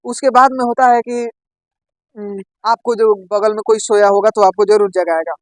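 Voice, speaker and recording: A man's voice: high voice, steady tone, moderate pace, no echo, low-quality recording. A man teaching, reading a play aloud line by line and explaining each part in plain words. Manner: reads lines aloud, then explains them in plain words.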